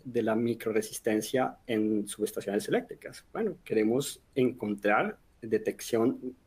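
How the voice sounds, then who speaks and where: Husky man explaining technical topics. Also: medium pitch, a little mellow. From Colombia. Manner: explanatory, lifting his voice on questions. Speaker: technical presenter. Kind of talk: technical webinar lecture.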